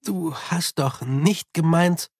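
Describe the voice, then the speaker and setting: A man's voice: fairly high pitch, slow, husky, dry recording, studio quality, pitched above the performer's own voice, exaggerated voice. A man voicing an earnest, uneasy young male monk who asks many questions.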